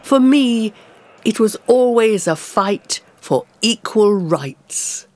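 A woman's voice: a little high, animated, darkish tone. A woman voicing a determined old suffrage campaigner. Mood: earnest. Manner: slow, clear, carefully measured delivery. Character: determined older woman suffrage campaigner recalling her life. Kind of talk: first-person storybook narration for learners.

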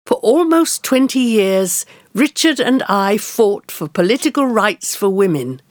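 A woman voicing a determined old suffrage campaigner. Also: medium pitch. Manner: slow, clear, carefully measured delivery. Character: determined older woman suffrage campaigner recalling her life. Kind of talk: first-person storybook narration for learners.

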